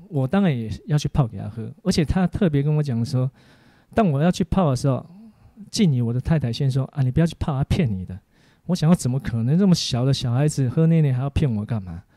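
A preacher delivers a teaching sermon for an online course, packing it with animated stories about his family. His voice is medium in pitch, and the recording is dry.

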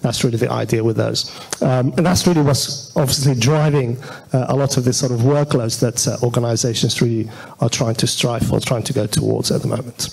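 A man speaks brisk and steady in a medium-pitched, gravelly voice with a breathy edge while giving a casual, hesitant technical presentation at a meetup. He is on an auditorium stage as a conference speaker, captured in a rough recording.

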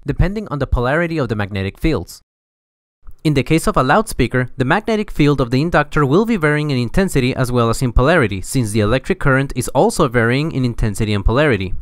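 A young man hosts an educational audio series, narrating a scripted explainer in a formal, methodical manner. His mid-range voice is recorded at studio quality with no echo.

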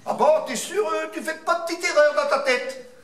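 A man's voice: very high voice, fairly quick, a bit bright, pitched above the performer's own voice. A man voicing a fussy woman schoolteacher who coaxes her pupils with prim questions, in an echoey hall. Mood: coaxing. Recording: echoey hall, distant mic.

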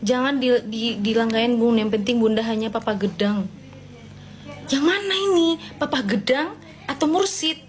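A woman's voice: on the high side, moderate pace. A woman hosting a casual live stream, reading viewer comments aloud and answering them in a playful, motherly way. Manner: gently scolding, motherly tone to followers.

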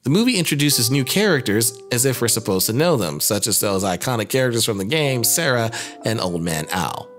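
Over background music, a male host delivers a scripted video commentary fairly quickly, his medium-pitched, slightly bright voice rising and falling dramatically. His manner is wry, with casual, joking asides.

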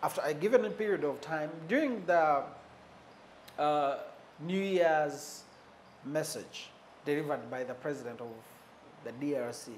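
A man giving unscripted commentary on politics, measured and pausing often, leaning hard on key words. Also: a little high, a little hiss or hum. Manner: stresses key words for emphasis.

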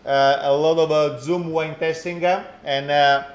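A man with an Italian accent hosting a casual live cooking commentary, halting and often repeating his phrases. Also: a little high, fairly even intonation. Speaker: cooking class host. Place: indoor professional kitchen. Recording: echoey kitchen with clear background noise.

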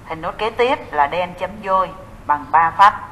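A woman's voice: lowish voice, expressive, normal speed, fairly bright tone, a little hiss or hum, poor audio. A woman teaching a recorded music theory lesson, explaining step by step and answering her own questions to the class.

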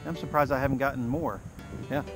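A man's voice: medium pitch, fairly even intonation, brisk, loud music behind the voice. A man hosting a fishing video from a small boat outdoors, coaching his buddy in an easygoing, casual way. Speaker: fishing channel host. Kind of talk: casual chat while fishing. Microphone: head-mounted action camera.

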